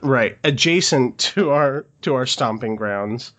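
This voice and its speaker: A man's voice: medium pitch, expressive, a bit bright. A man hosting a movie review podcast in casual chat, with a slightly froggy morning voice. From Utah. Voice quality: slight morning vocal fry. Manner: chatty, quick asides with hedging fillers. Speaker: podcast host. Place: Los Angeles area.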